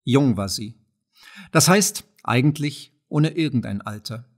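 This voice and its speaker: A man reads a classic novel aloud for an audiobook at a measured pace, his intonation lively. At the narration tags his voice drops low and soft.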